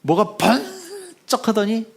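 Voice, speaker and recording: A male pastor preaching a sermon as animated storytelling. He acts out the voices of the people in his story and sinks to a hushed, soft delivery as he closes. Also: extremely high pitch, slow, creaky, breathy edge. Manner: drops to a hushed, soft delivery when closing.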